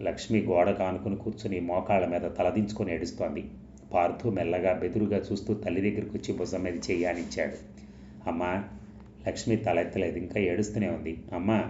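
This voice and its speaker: A man narrating a novel aloud in steady, measured storytelling, in an echoey, dull recording with a faint hiss. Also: deep voice. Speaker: audiobook narrator.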